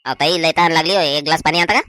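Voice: mid-range voice, very fast, pushed and bright, no room sound, studio quality, close to an everyday voice. A performer voicing a sly male swindler, talking sweetly to trick a woman. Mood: coaxing. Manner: wheedling, coaxing.

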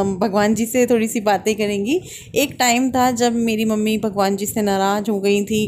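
A woman's voice: mid-range voice, darkish tone, a little hiss or hum. A woman in her thirties with an Uttarakhand Hindi accent, chatting through a casual vlog voice-over and explaining at length. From India. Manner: chatty, explaining at length, restarts mid-sentence. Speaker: vlogger.

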